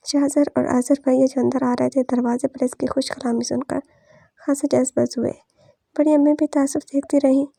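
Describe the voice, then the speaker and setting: A woman reads a novel aloud in a steady, scripted storytelling manner. Her voice is high yet very dark in tone, with gravelly fry and a husky edge. The recording is dry and close, with no room sound. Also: dry recording. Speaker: audiobook narrator.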